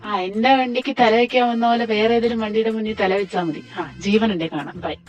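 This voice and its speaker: A woman's voice: on the high side, fairly even intonation, fast, a little mellow, dull audio, soft background music, close to an everyday voice. A woman voicing a rude, sarcastic young man who mocks a girl he gives a ride. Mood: mocking. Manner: mocking, snappy.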